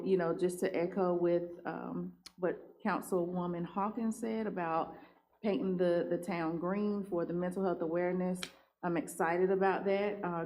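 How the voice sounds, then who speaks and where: Council member remarks; grateful, conversational, filler-heavy, in a dark, lowish voice. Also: female voice. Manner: warm, thankful, filler-heavy. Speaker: town councilwoman, mental health clinician.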